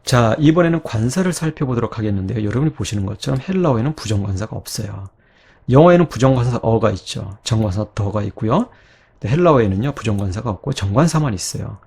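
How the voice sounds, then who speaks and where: A man with a low, gravelly voice gives a recorded grammar lecture. His tone is dark and a little husky. He paces it patiently, reciting word lists slowly and often pausing to check that listeners are following. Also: animated. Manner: patient, coaxing, checks understanding with "자" and "그쵸?"; reads paradigms aloud slowly, word by word. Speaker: Greek grammar teacher.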